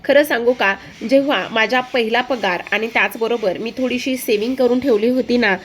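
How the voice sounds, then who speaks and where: A woman's voice: fairly high pitch, normal speed, a little hiss or hum, lightly acted. A woman voicing a fond older father who praises the tea and recalls his first salary. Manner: affectionate, reminiscing.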